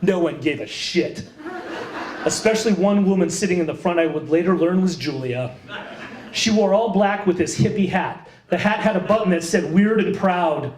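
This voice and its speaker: A man's voice: high voice, moderate pace, a little mellow, reverberant. A middle-aged man, a poet hosting a memorial reading, telling a wry, profane personal story to a live audience. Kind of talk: performed personal essay at a poetry reading. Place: small gallery room with a live audience.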